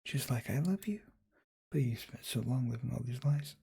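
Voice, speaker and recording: A man voicing an obsessive young woman nurse in a soft, cooing whispered role-play. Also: medium pitch, lively intonation, normal speed, gravelly, slightly rough, heavily acted. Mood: menacing. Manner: cooing, possessive.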